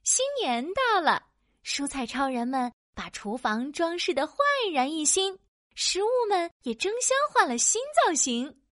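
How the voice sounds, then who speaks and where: A woman narrating a children's audio story in a playful, animated way with sound-effect words. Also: high-pitched, unhurried, no room sound, clean studio sound.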